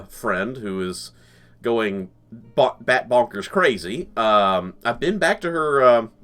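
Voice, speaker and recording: Male let's-play host, casual, rambling, lively intonation. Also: medium pitch. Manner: rambling, joking, chuckles often. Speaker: gaming channel host.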